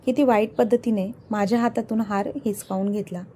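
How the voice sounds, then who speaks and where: A woman's voice: medium pitch, fairly even intonation, fairly quick, mellow, slight background noise, natural voice. A woman voicing a spoiled young sister-in-law who complains aggrievedly.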